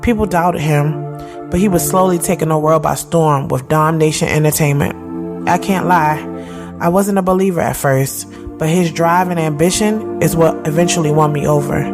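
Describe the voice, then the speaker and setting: A woman plays a reflective thirty-year-old narrating her own story in a first-person scripted audio drama. Her slightly low voice moves at a moderate pace, confiding, slangy and conversational, with a fond, reflective mood. Loud music plays clearly behind her.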